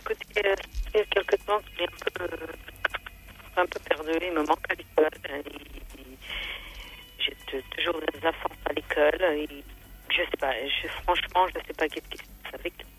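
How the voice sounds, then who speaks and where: A woman's voice: deep voice, a bit bright. Woman on a crackling, breaking-up phone line. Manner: hesitant, halting speech with many fillers. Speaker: caller. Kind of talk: call-in to a psychic radio show.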